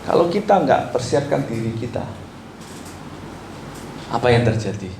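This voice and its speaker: A man preaching a sermon as pastor, exhorting and acting out prayers, his voice swinging from loud to hushed. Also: medium pitch, big pitch swings, unhurried, noisy background. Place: church hall. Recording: echoey hall, voice from far off.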